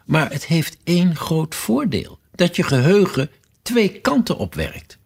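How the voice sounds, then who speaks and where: A man reads a storybook aloud in full character voice as a scatterbrained, fussy queen who speaks breezily and sing-song and bursts into shrill cries. His delivery is measured, creaky, and husky.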